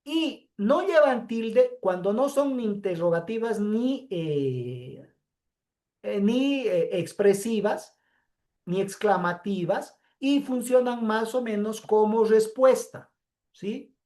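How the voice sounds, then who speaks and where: A woman's voice: medium pitch, lively intonation, dark tone. A woman teacher giving a pre-recorded class lecture, explaining step by step and checking in with her students as she goes. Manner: slow, explanatory, frequent checking "¿sí?".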